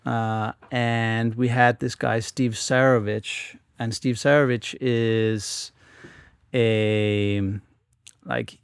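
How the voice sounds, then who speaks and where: A man in his forties with a Danish accent, telling his life story as a guest in a halting, repeating way. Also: mid-range voice, level tone, clear, resonant tone, no echo. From Denmark. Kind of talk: casual interview storytelling. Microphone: studio microphone.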